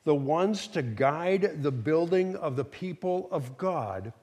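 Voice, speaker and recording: A man's voice: on the high side, animated, slow pace, a little mellow. A man preaching a sermon, reading scripture and acting out the voices of the people he talks about. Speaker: pastor. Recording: long hall reverb.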